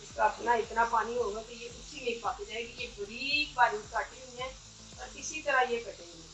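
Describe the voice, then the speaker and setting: A woman's voice: a little high, normal speed. A woman hosting a cooking channel, giving homely step-by-step recipe instructions to her viewers. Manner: homely, explains each step plainly to viewers. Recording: far from the mic with faint music.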